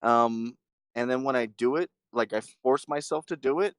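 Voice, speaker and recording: A man's voice: medium pitch, moderate pace, clear, resonant tone, dry recording. A man speaking as a podcast guest, hesitant, with a dry self-deprecating humor. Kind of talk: casual chat.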